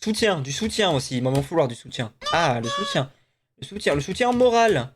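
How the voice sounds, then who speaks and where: A young man with a slightly high voice hosts a live stream in a loose, rambling way. He grew up in the French Basque Country, jokes with his co-host and swears freely while guessing words. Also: sing-song, brisk, noisy background. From Basque Country, France. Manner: chatty, swears, talks to co-host while playing. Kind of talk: casual live-stream chat.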